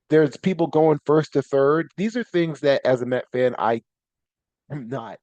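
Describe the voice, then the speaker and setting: A man's voice: mid-range voice, a little mellow, dry recording. A man hosting his own podcast, talking casually in a rambling, self-correcting way with bursts of animation. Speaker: podcast host. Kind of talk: casual solo podcast talk.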